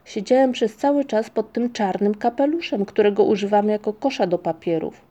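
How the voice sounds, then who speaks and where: A woman's voice: normal speed, mellow, natural voice. A woman voicing a young male troll child who sounds upset and pleading. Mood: thoughtful. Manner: high, pleading, distressed.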